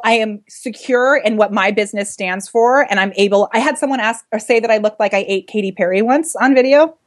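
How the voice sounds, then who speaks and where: A woman coaching speaking skills in a casual chat. She talks fast, laughs often and has a slight lisp. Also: fairly high pitch. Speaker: vocal coach.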